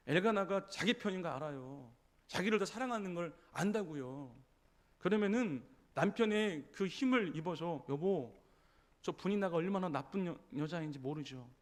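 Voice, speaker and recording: High-voiced Korean pastor preaching. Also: male voice. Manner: storytelling preacher acting out quoted voices, frequent "예?". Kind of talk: sermon. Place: church sanctuary.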